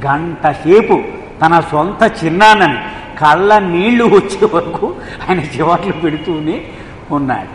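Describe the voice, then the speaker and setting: High-voiced man telling devotional stories in a hall. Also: measured pace, slight background noise. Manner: animated, lively anecdote-telling. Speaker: spiritual storyteller. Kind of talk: devotional storytelling discourse. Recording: echoey hall with long reverb, faint ambience.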